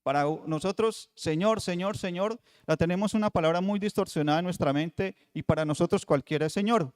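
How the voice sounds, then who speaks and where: A man preaching a Bible study sermon, with rhetorical questions and emphatic pauses. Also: high voice, a little mellow. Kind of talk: radio sermon teaching. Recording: long hall reverb.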